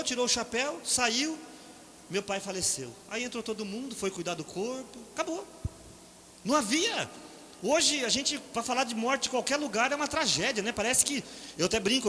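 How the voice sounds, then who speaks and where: Middle-aged Brazilian preacher, bright sharp tone, folksy storyteller, faint room noise. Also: male voice, extremely high pitch. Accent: Brazilian Portuguese. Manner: conversational, frequent "né?" tag questions; acts out quoted voices in storytelling. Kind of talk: sermon with personal stories. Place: church hall. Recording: reverberant hall, faint ambient noise.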